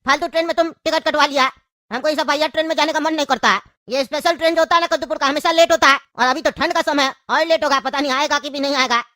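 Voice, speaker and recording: A woman's voice: high-pitched, fairly even intonation, fast, dry recording, clean studio sound. A woman voicing a bossy, mocking know-it-all man in a comedy skit, with a Bhojpuri-region Hindi accent. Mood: teasing. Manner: scolding, mocking, loud.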